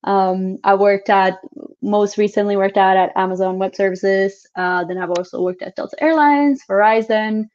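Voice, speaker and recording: A woman in her late twenties, originally from Finland, talks through her class introduction in a relaxed, chatty way, full of ums and uhs. Her voice sits in an ordinary middle range. It comes through a computer mic on a video call, a little dull and muffled. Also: mid-range voice, normal speed. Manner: friendly, chatty, with frequent filler sounds. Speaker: instructor.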